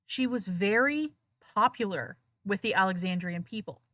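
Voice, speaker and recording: A woman's voice: medium pitch, lively intonation, moderate pace, sharp tone, no room sound. A woman co-hosting a history podcast, narrating with sarcastic, indignant asides. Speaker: podcast co-host. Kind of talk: casual history podcast chat.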